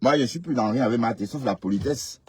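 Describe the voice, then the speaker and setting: Husky-voiced man hosting a casual live stream. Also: medium pitch, fast. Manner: emphatic, repeats phrases and asks for agreement. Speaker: livestream host.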